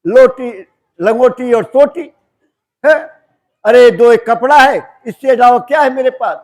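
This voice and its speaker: A man voicing a gentle old holy man who patiently advises in a soft, fatherly way. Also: extremely high pitch, measured pace. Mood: advising.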